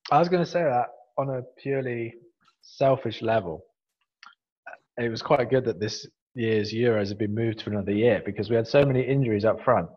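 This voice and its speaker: A man's voice: medium pitch, brisk, husky. A man, co-hosting a casual football chat podcast and giving blunt, opinionated verdicts. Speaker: podcast co-host. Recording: dull lo-fi sound.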